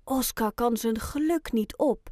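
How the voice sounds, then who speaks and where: A woman reading a children's storybook aloud, with gentle, lively storytelling and clear phrasing. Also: a little high, unhurried, dry recording, studio quality. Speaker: audiobook reader.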